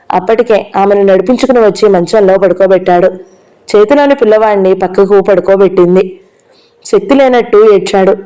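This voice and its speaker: Female audiobook narrator, even storytelling read, warm dark tone. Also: mid-range voice, rough recording. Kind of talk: reading a novel aloud, voicing all characters.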